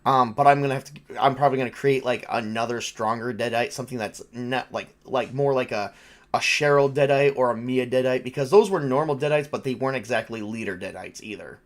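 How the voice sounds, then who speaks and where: A man speaks fairly quickly in a mid-range voice while running a tabletop role-playing session. His narration and chatter are casual and unplanned, and he repeats phrases as he thinks aloud.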